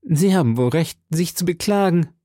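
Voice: mid-range voice, animated, normal speed, dark tone, no room sound, studio quality, voice pushed up, lightly acted. Pompous boastful musketeer, as a reader puts him on. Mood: affronted. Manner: pompous, self-pitying. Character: vain boastful male musketeer, pompous nobleman. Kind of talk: audiobook character reading.

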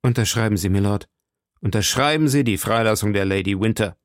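A man's voice: lowish voice, a little fast, dry recording, clean studio sound, close to an everyday voice. A man reading aloud voices a fanatical young officer, earnest and insistent. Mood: stern insistence. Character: fanatical young male officer, stern and zealous. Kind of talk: audiobook reading.

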